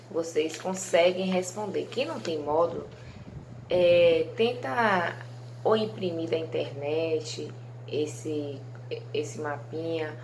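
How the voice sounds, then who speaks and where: A woman's voice: sits low, slight background noise. A woman teaching a recorded video lesson to young pupils, affectionate, stretching out stressed syllables and checking in often with "né?" and "certo?". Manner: frequent tag questions like "né?" and "certo?". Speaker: primary school teacher.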